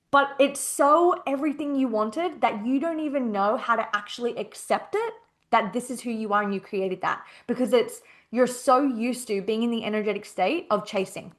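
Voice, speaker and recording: A young adult woman with a fairly high voice hosts a casual solo podcast as a coach. She's emphatic and expressive, repeating phrases and swearing freely.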